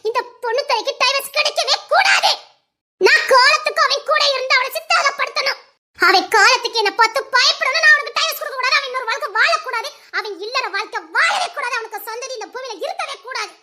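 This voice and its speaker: A woman's voice: extremely high pitch, fast talker, sharp tone, exaggerated voice. A woman with a Tirunelveli Tamil accent playing a scheming, vengeful woman who gloats and repeats her threats. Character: scheming vengeful woman bent on shaming rival.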